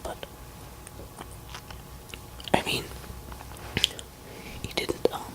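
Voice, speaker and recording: Barely audible, breathy woman's whisper. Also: rough recording. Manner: hesitant, rambling, pausing mid-thought. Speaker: musician talking to listeners. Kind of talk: whispered ASMR ramble.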